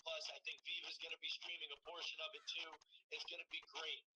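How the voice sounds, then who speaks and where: A man with an impassioned, rallying delivery, appealing to listeners as a guest on a stream. His voice sits a little high. A steady hiss of noise runs under the remote line. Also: fast talker. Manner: fervent, impassioned.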